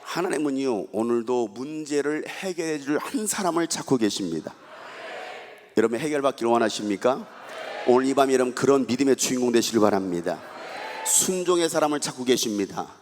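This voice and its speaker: A man's voice: mid-range voice, lively intonation, brisk, slight background noise. A male pastor giving a dramatic revival sermon who calls out to the congregation and acts out a blind man's cries. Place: large church hall. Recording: long church hall reverb.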